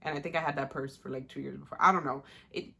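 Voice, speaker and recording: A woman's voice: rumbling low, steady tone, fast talker, creaky, bright, forceful tone, slightly rough. A young woman chatting casually through her everyday makeup routine, rambling with fillers and the odd laugh. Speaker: beauty vlogger. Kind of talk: casual makeup tutorial chat.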